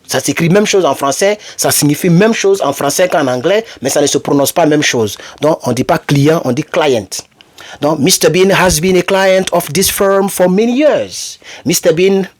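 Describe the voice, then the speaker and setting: A man with a high-sitting voice teaches an English lesson, explaining patiently and repeating words. His pitch jumps up whenever he reads out example sentences.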